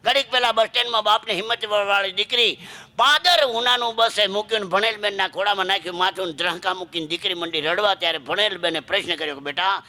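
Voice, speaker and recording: A woman's voice: medium pitch, quick pace, sharp tone. A woman folk storyteller, giving an emotional, dramatic dayro storytelling performance.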